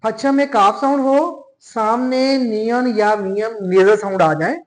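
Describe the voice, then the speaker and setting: Slow, deliberate Pakistani man teaching. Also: high voice, rough recording. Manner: slow and deliberate, spelling out syllables one by one. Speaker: language teacher. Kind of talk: classroom lesson explanation.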